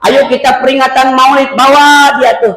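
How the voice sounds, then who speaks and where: A male preacher, giving a humorous sermon with lively storytelling and emphatic shouting. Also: very high voice, normal speed. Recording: echoey hall with faint noise.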